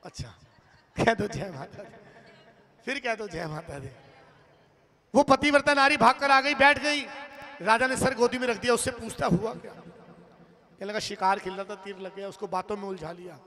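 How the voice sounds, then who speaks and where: A man's voice: high-pitched, normal speed, long pauses, a bit bright. A man telling a devotional story as a sermon, dramatically acting out the characters and calling on the devotees. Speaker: kathavachak. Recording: long hall reverb.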